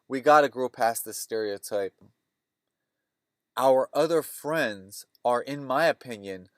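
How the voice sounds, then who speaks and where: A man's voice: medium pitch, no echo, clean studio sound. Opinionated male movie-recap podcaster. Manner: rambling, opinionated, conversational retelling. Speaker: podcast host.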